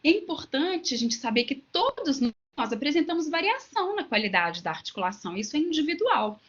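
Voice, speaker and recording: With big pitch swings in a high, fairly bright voice, a woman talks a little fast over dull audio. She comes from Minas Gerais, Brazil, has a Minas Gerais Brazilian Portuguese accent, and gives teachers an online lecture full of everyday examples and asides.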